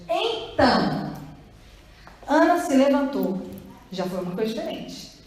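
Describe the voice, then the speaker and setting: A woman pastor preaches a sermon in a lively, conversational way, asking the congregation questions. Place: large echoing church hall. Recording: booming church reverb, distant mic.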